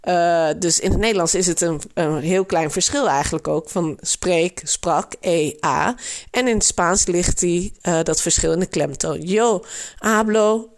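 Slow, patient woman teacher. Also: on the low side. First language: Dutch. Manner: slow, patient, repeats phrases with hesitant fillers. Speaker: language podcast host. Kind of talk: bilingual teaching podcast.

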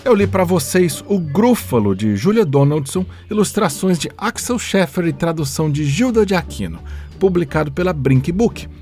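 A man reading a rhyming picture book aloud for a children's story podcast in a slow, lively, sing-song way. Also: fairly high pitch, faint music behind.

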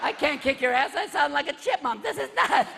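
A man putting on a squeaky helium chipmunk voice. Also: expressive, a little fast, vocal fry, pushed and bright, slight background noise, full character voice. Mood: shrill outrage. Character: angry male driver with squeaky helium chipmunk voice. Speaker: stand-up comedian. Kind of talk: stand-up routine.

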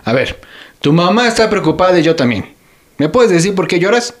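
A man acts out a comedy sketch in a Mexican Spanish accent, cast as a famished father who teases and jokes while comforting his daughter. He sounds high-pitched, very animated and slightly fast, hamming it up with playful, exaggerated complaining.

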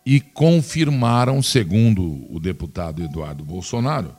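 A man's voice: deep voice, expressive, normal speed, darkish tone, slightly rough, soft background music. Indignant Brazilian man ranting about politics. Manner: indignant, scornful, addresses listener directly. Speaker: political commentator. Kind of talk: opinionated political commentary.

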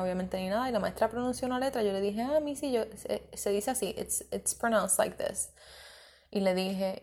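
Brief: woman in her thirties, podcast host and coach, candid and swear-happy, a bit of vocal fry. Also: mid-range voice. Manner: candid, expressive, mixes in English words and swears freely. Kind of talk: casual podcast monologue.

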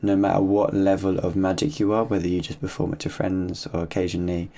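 A man's voice: low-pitched, flat delivery, quick pace, dark tone. A man, co-hosting a casual chat about magic videos, laughing often and acting out the people in the clips. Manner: giggly, acts out people in the clips. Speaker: podcast co-host, magician.

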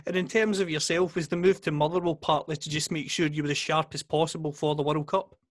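A man's voice: on the high side, fairly even intonation, quick pace, no echo, clean studio sound. A man with a Scottish accent hosting a show, putting casual interview questions to a guest.

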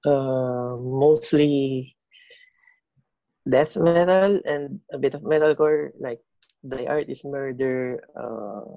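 A man with a slight lisp, a band vocalist chatting as a podcast guest, talking haltingly with many fillers and restarts. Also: medium pitch, gravelly, warm tone, no echo, muffled recording. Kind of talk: casual interview chat.

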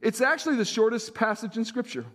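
Male senior pastor, high pitch, conversational sermon delivery, long reverb tail. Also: fast, a bit bright. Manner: conversational storytelling, repeats phrases for emphasis.

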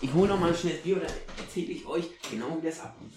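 A man's voice: a little high, fast talker, darkish tone, a little hiss or hum. A man co-hosting a podcast in a casual chat, telling stories in a laid-back way.

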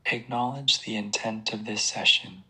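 A man leading a guided prayer and breathing meditation in a hushed, breathy, creaky voice, with a deliberate, calming delivery. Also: on the low side, poor audio. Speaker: guided sleep meditation leader.

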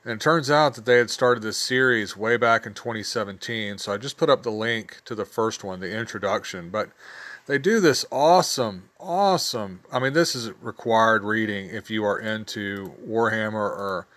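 A man hosting a casual solo podcast, sounding weary and worn down, talking in an informal, halting, rambling way. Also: lowish voice, pushed and bright. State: weary, worn down from a sore back. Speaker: podcast host.

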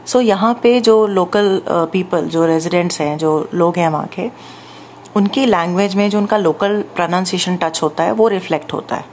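A woman with an Indian accent, an English language trainer answering interview questions in a measured, explanatory way. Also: on the low side, darkish tone, a little hiss or hum.

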